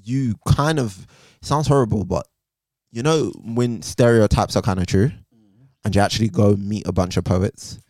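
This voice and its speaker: A man's voice: fairly low pitch, normal speed, darkish tone, dry recording, clean studio sound. A man with a London roadman accent chatting casually as a podcast co-host, in slangy speech full of tag questions. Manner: slangy, repeats tag questions and check-ins.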